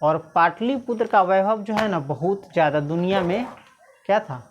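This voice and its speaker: A woman teacher, reading Sanskrit slowly syllable by syllable and quizzing the class again and again. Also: medium pitch, a little hiss or hum. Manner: repeatedly quizzes listeners, slow syllable-by-syllable reading.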